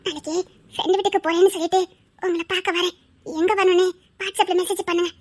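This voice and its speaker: A woman with a Tirunelveli Tamil accent, playing a naive, trusting young woman who stammers softly. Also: very high voice, fairly even intonation, fast talker. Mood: shy. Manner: hesitant, stammering, soft. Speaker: actress in a skit. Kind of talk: melodramatic skit acting.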